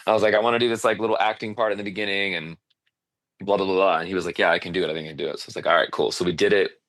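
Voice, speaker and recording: A man from Arizona, a singer-songwriter guest, chatting casually in an interview and telling animated stories full of fillers. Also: low-pitched, very fast, dry recording. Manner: animated storyteller, many fillers, laughs often.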